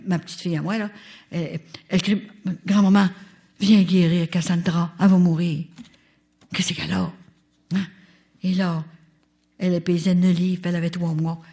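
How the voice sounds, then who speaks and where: Older woman with a Canadian French accent. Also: lowish voice. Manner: animated, talks straight to the audience. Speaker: speaker at a religious retreat. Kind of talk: testimony storytelling.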